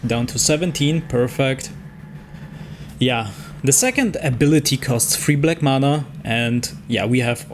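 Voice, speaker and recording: A man hosts casual commentary while playing a digital card game, thinking aloud and weighing his moves a little hesitantly. His medium-pitched voice is expressive and a bit slow. Music plays behind him, with slight background noise.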